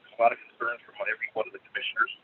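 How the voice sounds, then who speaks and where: A man giving comments as a planning commissioner over a phone call that keeps breaking up and sounds underwater. He talks in a halting way, apologizing and restarting his phrases. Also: on the low side, little pitch movement, breathy edge. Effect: choppy phone line breaking up, sounding underwater. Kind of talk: remote comments at a public meeting.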